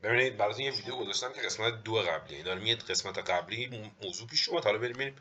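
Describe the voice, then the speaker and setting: A man's voice: fairly low pitch, pushed and bright, husky, lo-fi sound. A young man hosting a reaction video, mocking and joking about the clips in a casual way.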